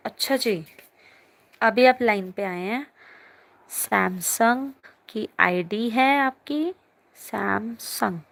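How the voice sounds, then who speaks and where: A woman's voice: on the high side, extremely slow, gravelly, pauses often. A young woman teacher holding a live online class from her phone, reading students' chat comments aloud and answering them in a chatty, teasing way.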